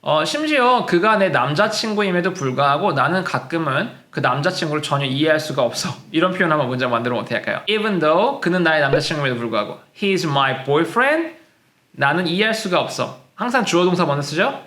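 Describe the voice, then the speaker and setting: A male English teacher with a bright, higher-pitched voice that rises and falls a lot. He explains patiently and drags each example sentence out slowly. The room he is recording in has a noticeable echo. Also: lively intonation. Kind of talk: classroom-style lesson.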